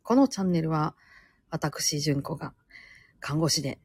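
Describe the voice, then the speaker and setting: A woman with a Kansai accent chats on her own show, wandering through stories with plenty of asides. Her voice is gravelly and a little husky. Her pitch swings widely as she talks. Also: animated, a little slow, darkish tone, dry recording. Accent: Kansai Japanese. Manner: rambling, chatty storytelling with many asides. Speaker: podcast host. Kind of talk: casual solo chat.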